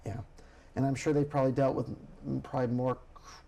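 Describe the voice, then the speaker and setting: A man hosting a casual news chat show who talks in an animated, opinionated way and slips into rants. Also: mid-range voice, brisk, gravelly. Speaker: show host.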